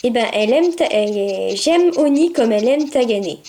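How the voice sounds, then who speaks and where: A high-pitched woman chats through a pet game in a casual, excitable way. She coos at her puppy and calls out commands loudly. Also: normal speed, slight background noise. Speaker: gameplay video maker. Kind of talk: casual gameplay commentary.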